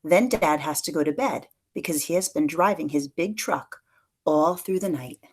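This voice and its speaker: Reading a picture book at a moderate pace, a woman's slightly low, husky voice carries a darkish tone. She tells the story expressively in the manner of a teacher addressing young pupils, giving the dialogue a light bit of acting.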